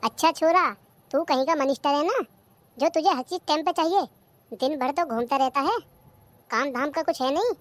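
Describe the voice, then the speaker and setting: A very high, squeaky cartoon voice of a scolding old village mother-in-law, as a performer puts her on. She nags and taunts, and the voice sounds close and dry with no room around it. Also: normal speed, no echo, close to an everyday voice. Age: older. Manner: nagging, taunting, complains about the old days. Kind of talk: cartoon comedy skit.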